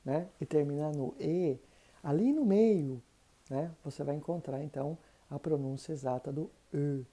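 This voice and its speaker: A woman explains German grammar in a patient, thinking-aloud way. Her voice sits low, with a very dark, mellow tone. She keeps checking that her listener follows. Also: moderate pace. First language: Portuguese. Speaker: German teacher. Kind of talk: explanatory online lesson.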